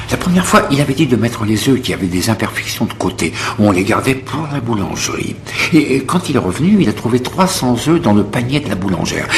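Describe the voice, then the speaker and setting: A man's voice: fairly low pitch, creaky, background noise. An actor playing a man recalling his farmer grandfather in a film excerpt.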